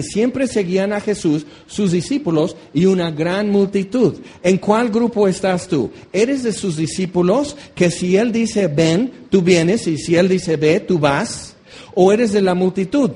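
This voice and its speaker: A man preaching a lively sermon, telling stories and acting out voices along the way. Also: sits high, measured pace, slightly rough. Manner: animated, acts out voices in asides.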